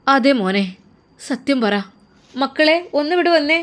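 Lady doing a pushy aunt, malabar accent, coaxing and a bit high. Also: expressive, measured pace. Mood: probing. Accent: Malabar Malayalam. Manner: coaxing, persuasive, scolding. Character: coaxing middle-aged aunt, firm and meddling. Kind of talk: storytelling role voice.

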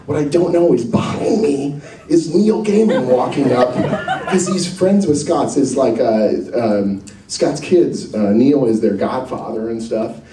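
A man telling a comic anecdote on a convention panel, animated and laughing, swearing freely and acting out the people in the story. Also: mid-range voice, unhurried, crowd noise. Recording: distant, echoey, noisy room.

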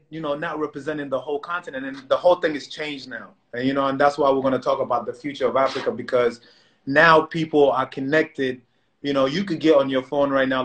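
A man's voice: mid-range voice, fairly bright tone. A middle-aged man from South Sudan, telling his story in casual chat on a phone video call, with many restarts and "you know"s. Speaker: co-host. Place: indoor room at home. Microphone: phone camera video call.

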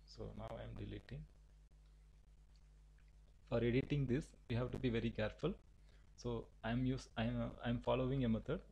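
A man teaching a software tutorial, giving halting step-by-step instructions with frequent restarts. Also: mid-range voice, steady tone, creaky, dull audio, slight background noise. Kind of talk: screen-recorded software tutorial.

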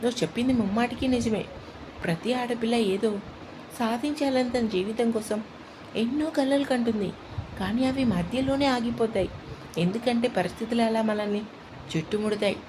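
A woman voicing a gentle, protective middle-aged uncle who reassures and teases his niece. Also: a little high, moderate pace, noisy background, lightly acted. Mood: gentle reassuring.

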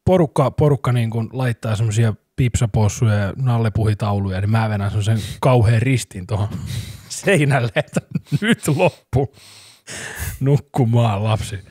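A man in his thirties, co-hosting a podcast, telling stories in a lively way and laughing often. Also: fairly low pitch, slightly rough, no room sound, studio quality. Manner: animated storyteller, laughs often. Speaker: podcast co-host. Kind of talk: casual chat.

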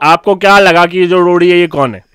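A man's voice: high voice, fast talker, fairly bright tone, smooth, no echo, clean studio sound. A man running a radio prank call, talking over the other caller in a bossy, insistent way.

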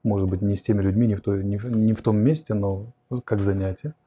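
Here a man in his forties delivers a philosophy and psychology livestream, answering viewer questions thoughtfully at a whiteboard. His lowish, mellow voice moves fast with fairly even intonation. Recorded on a lapel mic in a curtained studio, the audio carries a little hiss or hum.

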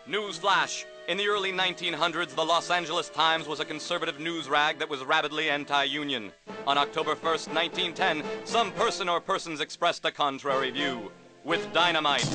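A man narrating as a dramatic 1940s newsreel announcer, with an emphatic, declamatory delivery and dramatic pauses. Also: on the high side, natural voice, poor audio. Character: punchy old-time newsreel announcer, male, adult. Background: music under the narration.

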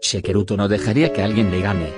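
A man playing a level-headed young anime fan hero in an animated comedy. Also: fairly low pitch, quick pace, over music, close to an everyday voice. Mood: determined.

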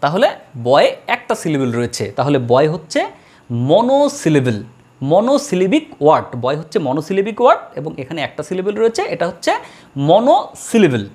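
Woman grammar teacher, animated, stretches out each example word for the class. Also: lowish voice. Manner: slow drawn-out model words, repeated for students. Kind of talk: classroom lesson.

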